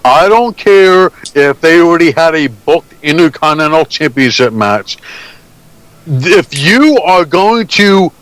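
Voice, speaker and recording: A man on a sports talk panel, halting and searching for words. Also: a little high, lively intonation, a bit bright, dry recording, low-quality recording. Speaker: guest panelist. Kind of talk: casual sports talk review.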